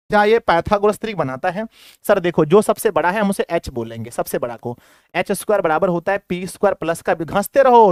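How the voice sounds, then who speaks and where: High-pitched guy teaching maths, super playful, quizzing the kids nonstop, dry close sound. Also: dry recording. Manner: playful, acts out students' replies in a sing-song voice. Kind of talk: energetic classroom lesson.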